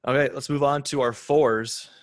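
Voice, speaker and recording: A man's voice: mid-range voice, steady tone, moderate pace, dry recording, studio quality. A man co-hosting a podcast in casual chat, easygoing as he steers the segments. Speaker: podcast co-host.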